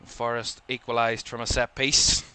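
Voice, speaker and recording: Bright-voiced Northern Irish football commentator. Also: male voice, level tone, smooth. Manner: quick play-by-play calls that lift in pitch at attacking moments. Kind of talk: live watchalong match commentary.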